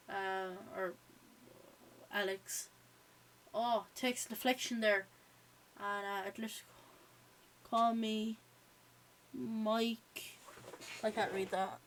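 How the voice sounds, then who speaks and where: Poor audio with a little hiss or hum carries this woman's medium-pitched, slightly bright voice. With an Irish accent, she hosts a live watch-along, chatting casually about the match, reading out viewer messages and often saying "um" and "yeah."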